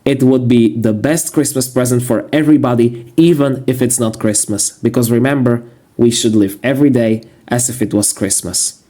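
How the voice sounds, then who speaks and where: A man narrating a casual video review in a monotone, matter-of-fact way. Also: medium pitch, normal speed. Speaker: YouTube reviewer.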